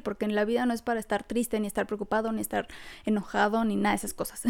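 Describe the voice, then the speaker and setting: A woman giving a relaxed motivational talk in a smooth, resonant voice that sits a little high. She is animated, laughs often, and acts out the voices of the people she describes. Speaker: speaker on personal growth.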